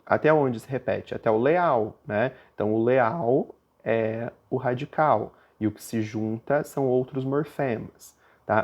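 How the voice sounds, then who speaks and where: A Brazilian-accented male teacher talks through a grammar lesson at a mid pitch. He explains patiently, step by step, and keeps pausing to make sure his students are following him. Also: darkish tone, dull audio. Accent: Brazilian Portuguese. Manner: explanatory, often asks listeners to confirm they follow; puts on a student's objection in a higher voice.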